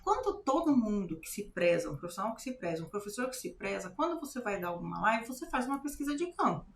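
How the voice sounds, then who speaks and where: A woman's voice: medium pitch, very animated, quick pace, a little hiss or hum. A woman with a Brazilian Portuguese accent, co-hosting a casual live class and explaining her points firmly. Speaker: co-host instructor. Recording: echoey room with faint ambience.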